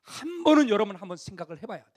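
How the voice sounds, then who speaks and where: A middle-aged male pastor preaching a sermon to a youth congregation, animated and conversational, rising to near-shouts on key points. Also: sits high, very fast. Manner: acts out quoted dialogue in a conversational tone.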